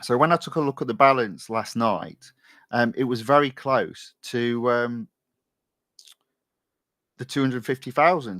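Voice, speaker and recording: A man's voice: lowish voice, no echo. A middle-aged man from England, chatting casually with many ums while live-streaming a racing game. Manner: relaxed, chatty, many ums and uhs, reads chat aloud. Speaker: gaming streamer.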